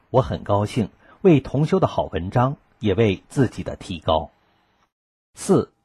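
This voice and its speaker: A man reading a first-person account aloud for a radio program, in a calm, measured storytelling manner. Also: fairly low pitch, slightly rough, dry recording. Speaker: radio reader. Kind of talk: scripted first-person narration.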